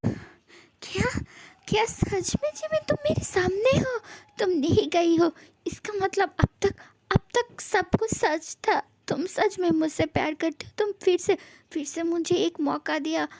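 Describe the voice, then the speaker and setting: A woman's voice: very high voice, creaky, a little mellow, dry recording, pitched above the performer's own voice, exaggerated voice. A woman voicing a doting young husband. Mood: overjoyed, tender. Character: young man, a tender, teasing husband. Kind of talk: fan audio drama.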